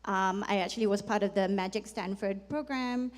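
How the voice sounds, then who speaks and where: A woman's voice: mid-range voice, moderate pace. Founder lady chatting on a panel in a big echoey hall, straight-talking. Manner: frank, conversational. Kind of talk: panel discussion. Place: conference hall. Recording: long reverb in a conference hall.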